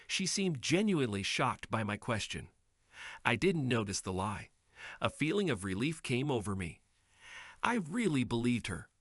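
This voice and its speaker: A man reading a first-person story as scripted narration, in an even, measured way. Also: mid-range voice, dry recording, studio quality.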